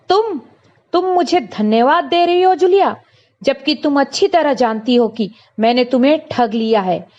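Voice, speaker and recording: A woman's voice: fairly high pitch, full character voice. A woman doing a stern angry male employer. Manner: loud, raised, indignant lecturing. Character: stern middle-aged male employer, scolding. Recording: dull lo-fi recording.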